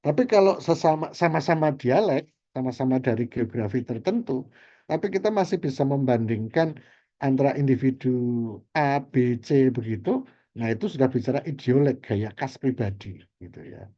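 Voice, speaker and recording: A man's voice: medium pitch, expressive, moderate pace, mellow, muffled recording. A man teaching an online class, explaining terms at length and ending phrases with little checks. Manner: explanatory, repeats key terms with "gitu ya". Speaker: lecturer. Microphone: video call.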